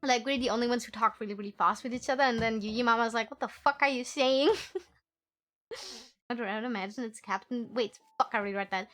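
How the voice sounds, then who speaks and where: A woman streamer chatting casually and excitedly while playing a game, often talking fast. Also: fairly high pitch, faint music behind.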